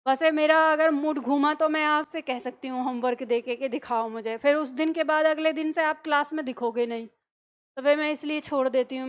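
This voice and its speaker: Woman teacher, high pitched, explains step by step and asks questions then answers them. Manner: explains step by step, dictates notes slowly. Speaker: Hindi teacher. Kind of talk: online class lesson.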